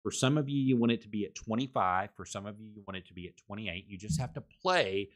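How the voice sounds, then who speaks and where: On his home stream, a loud man with a fairly deep voice offers an offhand review of his desktop condenser microphone at a quick pace. As he covers his settings, he wanders, starts over and says words twice.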